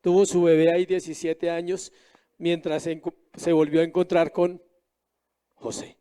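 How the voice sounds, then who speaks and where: A man's voice: a little high, flat delivery, moderate pace, dark tone, clear, resonant tone. A middle-aged male pastor preaching a sermon, often asking the congregation questions.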